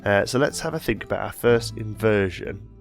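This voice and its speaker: Faint music sits behind a man whose lowish voice carries vocal fry at a normal speed. Slightly sick with a head cold, he hosts a let's play, thinking aloud as he builds and often correcting himself.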